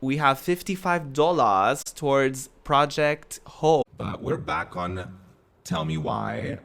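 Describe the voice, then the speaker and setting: A man's voice: mid-range voice, lively intonation, slow pace, gravelly, fairly bright tone. A man streaming a game through a voice changer, chatting casually and campily with his viewers. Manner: chatty, campy, playful. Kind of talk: casual live-stream commentary.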